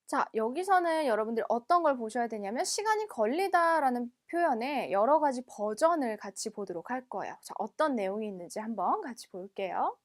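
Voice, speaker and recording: A woman with a high voice leads a textbook French lesson. She explains each phrase patiently. She reads the French aloud slowly and clearly, often twice. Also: animated. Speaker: French teacher.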